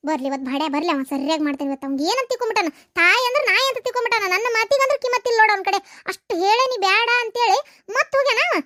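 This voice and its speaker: A woman's voice: very high-pitched, expressive, rapid-fire, bright, forceful tone, full character voice. A woman voicing a short-tempered village mother-in-law in a cartoon, scolding and cursing in a North Karnataka accent. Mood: ranting. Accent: North Karnataka Kannada. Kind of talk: cartoon voice acting.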